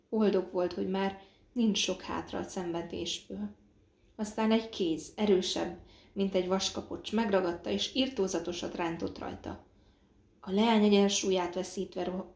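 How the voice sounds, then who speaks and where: A woman narrating an audiobook in a measured, dramatic reading. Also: mid-range voice, vocal fry, darkish tone. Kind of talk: scripted narration. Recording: roomy echo.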